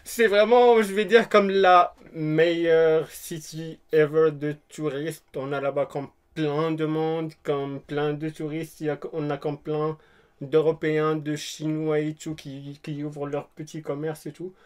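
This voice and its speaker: Young man, Moroccan accent, higher-pitched voice, casual guest chat, easy laughs, English words mixed in. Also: little pitch movement, measured pace, smooth.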